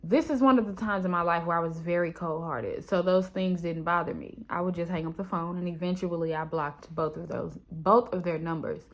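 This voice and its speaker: Woman, American accent, low voice, expressive, slangy, casual journal-reading vlog. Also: fairly quick, hardly any pauses. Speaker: vlogger.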